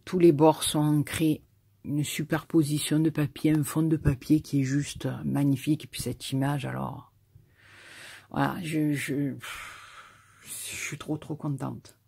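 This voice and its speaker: A woman with a southern French accent opens her mail for her viewers in a casual chat, gushing and tripping over her repeated words. Her voice is gravelly and husky. It sounds dry and close, with no room echo. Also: low voice, level tone, unhurried, mellow. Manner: effusive, repeats words and stammers. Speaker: craft YouTuber. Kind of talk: casual mail-opening video.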